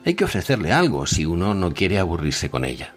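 A man's voice: low voice, fairly quick, faint music behind. A man voicing a cold, persuasive, insistent grey salesman in a storybook reading. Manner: monotone, insistent.

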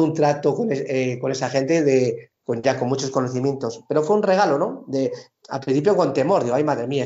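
Priest telling a personal story. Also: male voice, medium pitch, mellow. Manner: halting, many restarts and fillers. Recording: dull lo-fi recording.

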